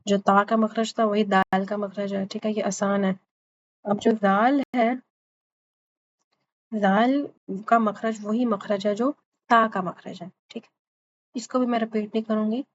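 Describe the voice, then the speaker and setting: A woman's voice: mid-range voice, steady tone, long pauses. A woman teaching Quran pronunciation in a class, who patiently repeats each letter sound for her students to copy. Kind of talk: online class lesson. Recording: slightly dull lo-fi audio with faint background hiss.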